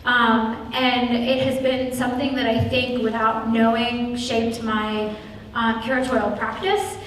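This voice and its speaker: Woman from Iraq, high voice, lecturing on curating, halting with ums, distant mic in a big echoey hall. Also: a little hiss or hum. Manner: thoughtful, frequent ums and restarts. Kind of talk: public lecture. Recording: echoey hall, recorded from far off.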